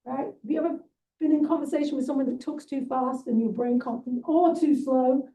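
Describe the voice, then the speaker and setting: A woman's voice: sits high, fairly even intonation, brisk, dark tone, distant mic, low-quality recording. A woman leading a movement workshop, coaching with encouraging asides and frequent "right?". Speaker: workshop leader and guest speaker. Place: event hall.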